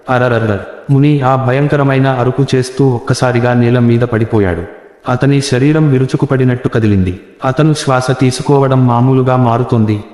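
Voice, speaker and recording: A man telling a first-person horror story in a measured, suspenseful way. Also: mid-range voice, mellow. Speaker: narrator. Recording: roomy echo with long reverb.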